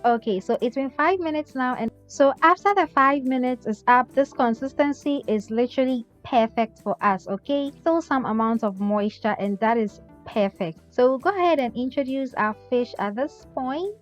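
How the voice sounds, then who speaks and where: A woman's voice: high-pitched, lively intonation, moderate pace, few pauses. A woman hosting a cooking tutorial, talking the viewer through each step in a chatty way and often checking in with "okay?". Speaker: cooking channel host. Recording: slightly dull sound with faint music.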